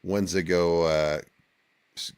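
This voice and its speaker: Very deep, slow-talking male host. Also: fairly even intonation, darkish tone, clear, resonant tone. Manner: halting, repeats words, trails off. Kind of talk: casual interview chat.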